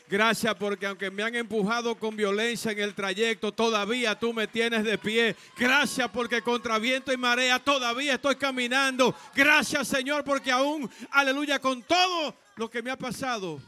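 Male pastor leading congregational prayer, fairly high bright voice. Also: moderate pace. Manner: exhorting the congregation.

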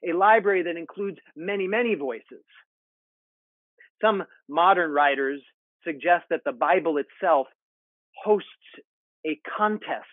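Measured male pastor preaching over a video call. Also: fairly high pitch, no room sound. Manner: measured, deliberate preaching with expressive hand gestures. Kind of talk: sermon. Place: home study with bookshelves, indoors. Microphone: earbuds on a video call. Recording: phone-like narrow sound, dry.

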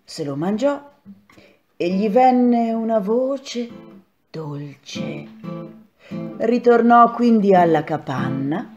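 Slow, expressive woman reading a fairy tale. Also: a little high, lo-fi sound, faint music behind. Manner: slow, expressive, playful repetitions. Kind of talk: storybook narration for children.

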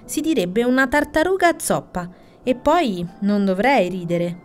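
A proud, mocking hare from a children's storybook, put on by a woman reading aloud. The voice sits high above the reader's own and comes out loud and teasing, with soft music far behind. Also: expressive, a little slow. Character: arrogant mocking female hare, boastful.

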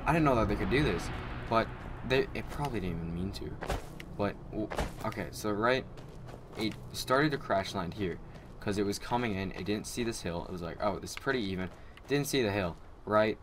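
Excitable young man narrating gameplay. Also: lowish voice, moderate pace, noisy background. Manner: excitable, yells and taunts enemies, swears often. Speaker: gamer playing through an open-world game. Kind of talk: let's play commentary.

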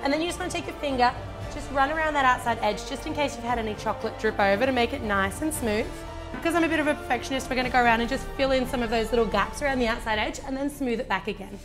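A high-voiced Australian woman in her thirties races through a cooking demonstration over music. As a baking channel host in a home kitchen, she gives chatty, upbeat step-by-step instructions.

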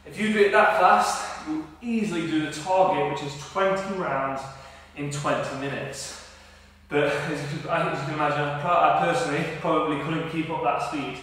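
A man's voice: on the high side, moderate pace, fairly bright tone, far from the mic. Breathless male coach in echoey room. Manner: casual, explains step by step with self-corrections. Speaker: fitness coach. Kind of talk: workout instruction. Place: indoor home workout space.

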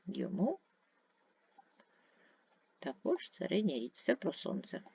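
A woman teacher walks through a grammar lesson step by step, asking questions and answering them herself. Her voice swings widely in pitch and has a gravelly edge. The sound is dry and a little dull. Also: wildly swooping pitch, takes it slowly, no room sound. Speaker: primary school teacher. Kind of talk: video lesson explaining grammar.

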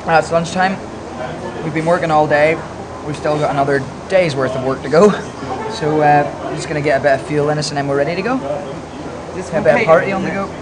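A pop band member talks casually at an outdoor shoot, his voice sitting a little high. He rambles with plenty of fillers. Steady outdoor noise runs beneath him. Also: quick pace. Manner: chatty, fillers like "you know" and "like". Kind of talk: casual behind-the-scenes chat. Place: outdoor video shoot location. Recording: noisy outdoor ambience.

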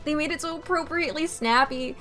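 A young woman hosting a reaction video, rambling excitedly, swearing freely and laughing as she comments. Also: high-pitched, brisk, faint music behind.

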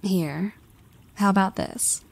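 Teasing her friend with playful, half-whispered asides, a confident young woman is brought to life by a voice actress in a scripted audio roleplay. The delivery is slow, and her medium-pitched voice is creaky.

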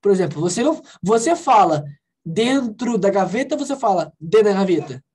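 A woman teaching English in an online class, lively and coaxing, quizzing students and repeating phrases slowly. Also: mid-range voice, husky. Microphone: video call.

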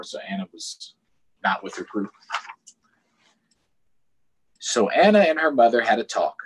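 An American man in middle age hosts a children's storytime from a small room at home, reading to young kids in a very animated, expressive way with chatty asides. His voice is lowish and slightly husky. The video-call recording on a computer or tablet is low quality.

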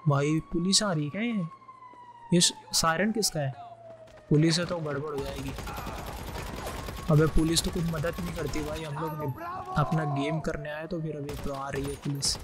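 Excited man calling out gameplay. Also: fairly high pitch, noisy background. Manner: excited, shouting quick callouts. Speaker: gaming YouTuber. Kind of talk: live gameplay commentary.

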